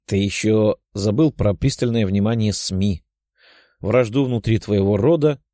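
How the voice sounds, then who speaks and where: A giggly, teasing young woman with a playful streak, as a male narrator puts her on. She is set only a little above his fairly low, mellow voice, with a dry, close sound. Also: unhurried, no echo, lightly acted. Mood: smug. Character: playful cheeky blue-haired young woman.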